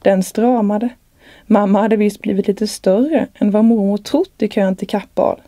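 A woman reads aloud from her own novel, calm and measured. Her voice is unusually dark and mellow at an average pitch, captured in a close, dry recording.

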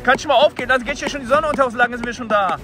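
High-voiced young man yelling on a boat. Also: racing, over music. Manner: loud, yelling and exclaiming to viewers. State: cold and shivering. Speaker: vlogger. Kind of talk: excited outdoor challenge vlog. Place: outdoors on a boat on the water.

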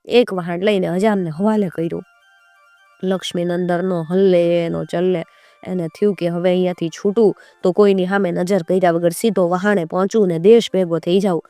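A woman's voice: fairly low pitch, fairly even intonation, normal speed, warm tone, dry recording, soft background music. Woman telling a folk tale. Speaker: storyteller.

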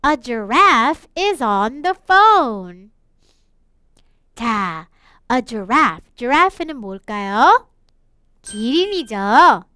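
Woman, children's English teacher, slow bouncy delivery, dry close mic. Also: high-pitched, a bit bright, clear, resonant tone, no echo. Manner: slow, encouraging, sing-song reading with laughs. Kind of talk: children's picture book English lesson.

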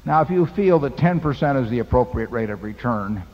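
Seated at a table microphone on a hall stage, an older company chairman answers shareholder questions unscripted, patiently explaining investing through a folksy parable and simple arithmetic. His mid-range voice is brisk with lively intonation, captured in a dull lo-fi hall recording with long reverb.

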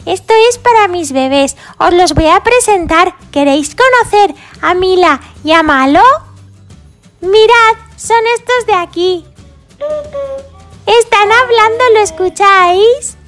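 A woman from voicing a cheerful little girl pig who fusses over her baby dolls in a sing-song, drawn-out way. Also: extremely high pitch, animated, a bit bright, faint music behind, full character voice. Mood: doting. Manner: sing-song, fussing and doting, drawn-out words.

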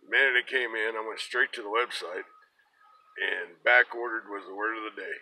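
A middle-aged American man talks casually and plainly, like a vlogger rambling from his car. His voice sits fairly low with plenty of gravel. It has a bright, forceful edge. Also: normal speed, a little hiss or hum, low-quality recording. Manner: folksy, plain-spoken. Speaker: pipe-smoking vlogger. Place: inside a parked car. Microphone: phone at arm's length.

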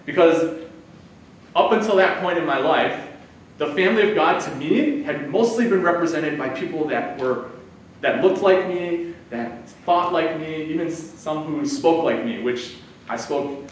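A man in his thirties from the United States, speaking at a fairly high pitch and a little slowly, delivers a conversational sermon as a guest preacher and gestures with his hands. He's picked up by a distant camera in an indoor church sanctuary, so the sound is echoey with a faint hiss or hum.

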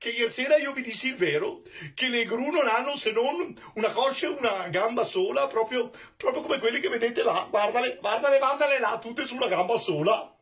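A man reading a story aloud and voicing a frightened but quick-witted servant who eagerly pleads his case. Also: extremely high pitch, animated, a bit bright, slightly rough, pitched above the performer's own voice, exaggerated voice.

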